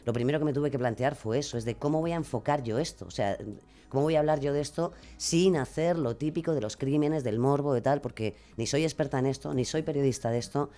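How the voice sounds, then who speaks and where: A woman with a Castilian Spanish accent, a true-crime podcaster, chats casually as a guest in a radio interview. Her voice is rumbling and low, and she talks fast, expressively, rambling and self-deprecating.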